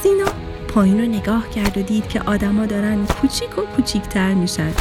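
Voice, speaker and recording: A woman storyteller narrating a children's story in an animated, sing-song way, with music under her voice. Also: medium pitch. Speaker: storyteller host.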